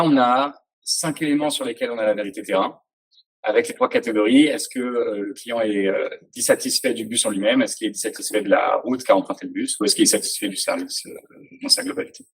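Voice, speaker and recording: A man's voice: fairly low pitch, a little fast, breathy edge, poor audio. A man giving a casual technical presentation, hesitant, with many fillers and restarts. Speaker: presenter at a tech talk.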